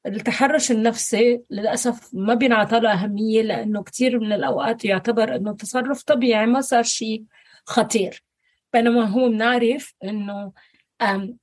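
A woman psychologist with a Levantine Arabic accent answering interview questions thoughtfully, pausing on fillers and slipping in English words. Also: on the high side, a little mellow. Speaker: psychologist guest.

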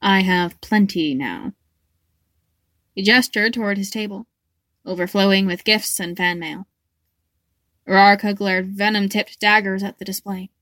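A woman narrating a fan fiction audiobook in a steady, expressive storytelling voice. Her pitch is middle-of-the-road and the recording is close and completely dry, with no room sound at all. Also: moderate pace, no room sound.

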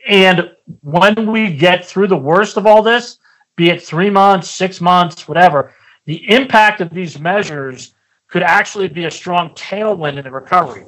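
Male analyst guest, somewhat higher pitch, measured explanatory interview delivery with hesitations. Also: fairly bright tone, rough recording. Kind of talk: podcast interview commentary.

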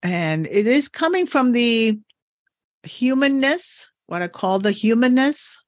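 A woman's voice: on the high side, animated, slow pace, no echo. A woman hosting a podcast as a coach, talking thoughtfully and encouragingly with frequent laughs. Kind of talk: reflective podcast conversation.

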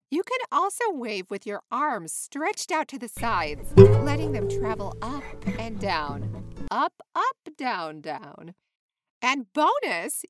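A woman's voice: fairly high pitch, a bit bright, no room sound, studio quality. A woman leading a cheerful children's lesson, playfully demonstrating movements and counting aloud. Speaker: children's movement and music teacher.

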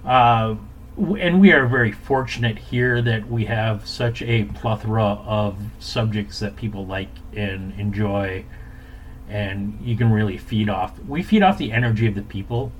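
A man's voice: on the low side, unhurried. A man hosting a podcast, chatting casually as a bartender talking shop. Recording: clear background noise.

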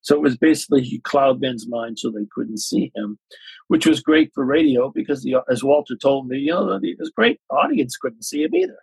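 A man's voice: medium pitch, expressive, a little fast, creaky, breathy edge, no echo, rough recording. A man giving casual, explanatory commentary as an expert guest in a podcast discussion. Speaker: guest expert on vintage radio and film.

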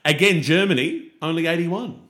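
A man's voice: on the high side, moderate pace, a bit bright. A man co-hosting a casual music podcast, enthusiastic and reeling off chart positions. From Australia. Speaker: podcast co-host. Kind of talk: casual chat about 80s and 90s music.

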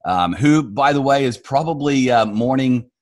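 A man's voice: medium pitch, lively intonation, moderate pace. A man with an Australian accent hosting a podcast, chatty and friendly. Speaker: podcast host. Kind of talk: podcast interview.

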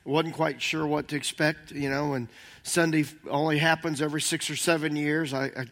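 An older man, serving as senior minister, delivers a conversational sermon in a slightly hoarse voice that rambles and halts with lots of fillers. His pitch sits on the high side, with a steady, somewhat bright tone.

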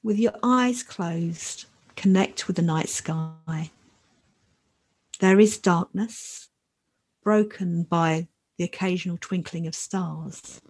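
A woman leading a guided meditation in a soft, soothing, measured voice with long pauses. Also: on the low side, husky. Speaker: podcast host leading a meditation.

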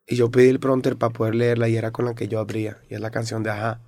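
Mexican rapper guest, gravelly voice, dry close sound, lively storyteller. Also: male voice, mid-range voice, rapid-fire, no echo. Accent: Mexican Spanish. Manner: animated retelling with acted-out quotes. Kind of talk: casual storytelling interview.

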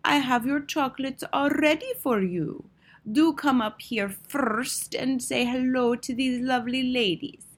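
A woman voicing a gloating evil grand witch villainess in a children's storybook, with a commanding, theatrical, drawn-out delivery. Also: high-pitched, pitched above the performer's own voice. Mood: syrupy.

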